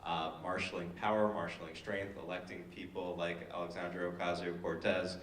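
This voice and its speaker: A man's voice: sits low, flat delivery, brisk, a bit bright, recorded from a distance, a little hiss or hum. A man speaking on a panel discussion, hesitant with many fillers and restarts. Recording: echoey hall, voice from afar.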